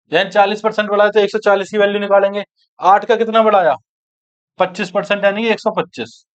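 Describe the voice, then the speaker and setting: A man from teaching a maths class, working each problem aloud and asking his students questions. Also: high-pitched. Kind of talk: exam-prep maths lesson. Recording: dull lo-fi online class recording.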